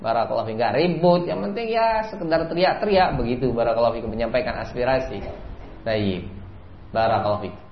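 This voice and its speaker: Speaking at a quick pace in a mid-range voice, a male Islamic preacher gives a sermon, returning again and again to a set phrase and climbing sharply in pitch to stress points. A little hiss or hum sits under the echoey, dull, lo-fi recording.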